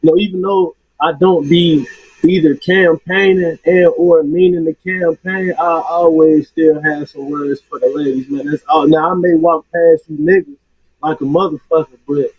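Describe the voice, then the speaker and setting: A man's voice: on the high side, steady tone, moderate pace, breathy edge, no echo. Muffled man calling in over a distorted phone line. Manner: laid-back, slangy, rambling. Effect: muffled, distorted phone line, as if talking through a water hose. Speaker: caller. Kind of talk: casual call-in chat.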